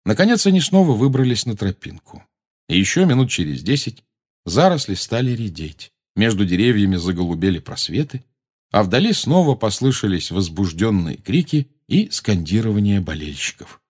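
A man narrating an audiobook with an expressive reading style. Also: lowish voice, moderate pace, husky.

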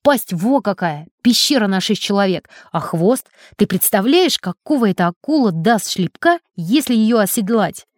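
A woman's voice: medium pitch, animated, normal speed, hardly any pauses, no echo, lightly acted. A woman voicing a bold, boastful adult male diver in a storybook reading, eager and commanding, in a dry close recording. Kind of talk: storybook character voice.

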